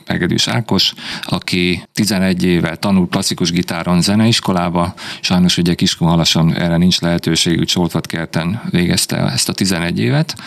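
Deep-voiced middle-aged man explaining at length. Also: gravelly. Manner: detailed, explanatory storyteller. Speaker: band spokesman and organizer. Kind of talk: radio interview guest. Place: radio studio.

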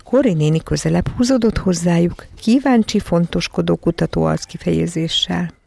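An audiobook narrator reads a children's story in an even, measured way. The voice has a gravelly fry at mid pitch, and the recording is close and dry with no room sound. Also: no room sound.

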